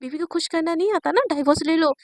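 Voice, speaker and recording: A woman's voice: very high-pitched, fast talker, slight background noise. A woman voicing a bossy, sulking young wife who answers in curt, dismissive snaps. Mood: cold, scolding.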